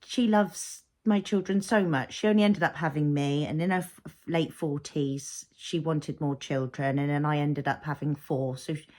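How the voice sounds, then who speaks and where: Woman, 30s, lowish voice, casual vlogger, rambling and reflective, lots of fillers. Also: fairly even intonation, moderate pace, darkish tone. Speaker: vlogger, mother. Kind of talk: casual personal vlog.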